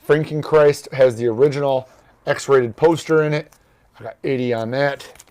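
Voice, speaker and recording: A man's voice: medium pitch, moderate pace. Laid-back man pricing records aloud. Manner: relaxed, quoting prices offhand. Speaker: record store host. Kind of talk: casual show-and-tell.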